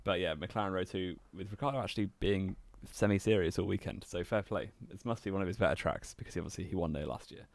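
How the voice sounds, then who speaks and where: A young man co-hosting a casual motorsport podcast, relaxed and teasing, laughing often. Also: low voice, fast talker, vocal fry, few pauses. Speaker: podcast co-host. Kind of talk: casual chat.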